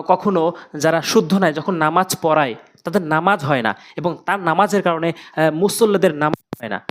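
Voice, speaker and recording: This is a Quran teacher, taking viewers through a tajweed lesson at a measured pace. The voice sits at a middle pitch. The teacher says each letter sound slowly and over and over, and earnestly presses listeners to follow closely. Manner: drills letter sounds slowly, repeating each several times; earnest, urging viewers to pay attention.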